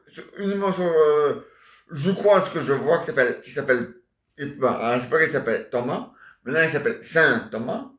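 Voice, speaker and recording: A man's voice: on the high side, fairly bright tone. A man talking in a meandering, joking monologue, full of little asides and fillers. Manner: meandering, jokey, filler-heavy. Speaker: vlogger. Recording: echoey room.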